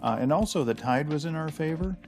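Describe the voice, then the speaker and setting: A man's voice: on the high side, expressive, a little fast, over music. A man narrating his sailing vlog at home, chatty and rambling with plenty of fillers and self-deprecating asides. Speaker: sailing channel host. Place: house full of dogs.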